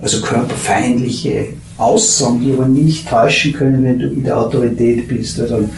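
A man giving a meandering spiritual talk, halting and searching for words, drifting from soft murmurs into animated bursts. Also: medium pitch, gravelly, noisy background. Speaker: spiritual teacher. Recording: echoey room with faint ambience.

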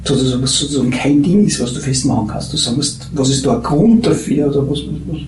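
A man giving a meandering spiritual talk, halting and searching for words, drifting from soft murmurs into animated bursts. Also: mid-range voice, noisy background. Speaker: spiritual teacher. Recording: echoey room with faint ambience.

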